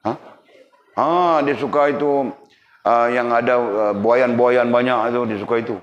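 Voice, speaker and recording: A man's voice: medium pitch, fairly even intonation, a little slow. A man giving a religious lecture, teasing and addressing his audience directly. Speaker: religious teacher. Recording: roomy, dull lo-fi, faint background noise.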